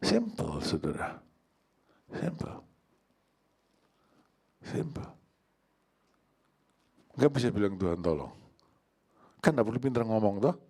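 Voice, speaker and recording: An older Indonesian pastor, preaching a sermon in church, swinging from hushed prayer to loud crying out. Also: male voice, lowish voice, very animated, slow, vocal fry, pauses often, husky.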